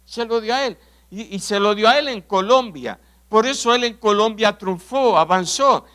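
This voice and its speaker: A man from Argentina with an Argentine accent preaching a sermon, telling stories, asking rhetorical questions and often clearing his throat. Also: sits high, normal speed, bright, forceful tone. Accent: Argentine Spanish. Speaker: pastor.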